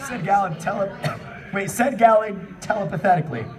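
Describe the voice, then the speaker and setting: With amused disbelief, a high-voiced man hosts a live comedy panel, reading fan fiction aloud at a fairly quick clip. The convention panel room is full of crowd noise, and a distant mic picks him up along with the audience.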